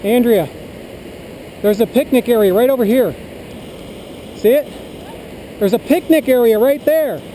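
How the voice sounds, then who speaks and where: A middle-aged man with a strikingly high voice talks casually from a kayak, apologizing one moment and cussing the next. An action camera mounted on the boat catches him outdoors. Steady river noise runs under everything he says. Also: unhurried, long pauses, low-quality recording. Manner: joking, apologetic, a bit cussing. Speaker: father kayaking with his daughter. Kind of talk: casual chat while paddling.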